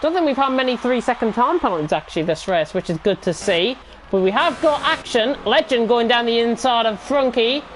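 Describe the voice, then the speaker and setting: A woman's voice: fairly high pitch, animated, brisk, a little hiss or hum, low-quality recording. A woman giving live motorsport commentary on an online race, exclamatory and repeating phrases for emphasis.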